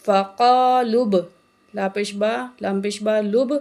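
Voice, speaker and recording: Brief: woman Quran tutor, slightly high voice, spells letters, recites slowly, explains fast. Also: steady tone, darkish tone. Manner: quick explanations with "ٹھیک ہے؟" checks. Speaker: Quran reading teacher.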